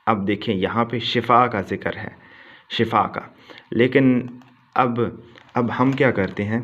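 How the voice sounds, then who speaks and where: A man teaching correct Quran pronunciation, patiently repeating words slowly to show how the meaning changes. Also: mid-range voice, fairly bright tone, lo-fi sound. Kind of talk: explanatory Urdu lesson on Quran pronunciation.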